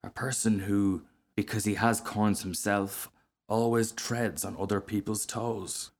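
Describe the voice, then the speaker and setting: A man acts a storybook Roman candle firework with a knowing air. The delivery is wry and matter-of-fact, gently mocking. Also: medium pitch, normal speed, pitched above the performer's own voice, natural voice. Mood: sly. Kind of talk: storybook character voice.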